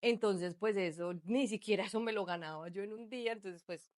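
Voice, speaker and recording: A Colombian-accented woman tells her story in a relaxed podcast chat. She talks in loose, flowing phrases full of fillers, at an ordinary mid pitch. The recording is close and dry, with no room sound. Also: brisk, no echo. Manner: chatty storytelling, full of fillers like "pues" and "entonces". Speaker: guest, migrant mother. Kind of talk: casual conversational interview.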